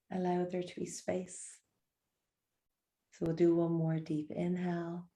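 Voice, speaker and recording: Low mellow woman's voice with some fry, soft slow meditation guide talk. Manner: soft, slow and soothing, gentle invitations.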